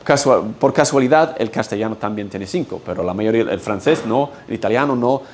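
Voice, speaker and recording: A man's voice: lowish voice, animated, fairly quick, slight background noise. Patient man lecturing. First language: English. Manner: explains patiently, checks in with "¿no?" and "¿ok?". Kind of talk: university-style lecture. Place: lecture hall.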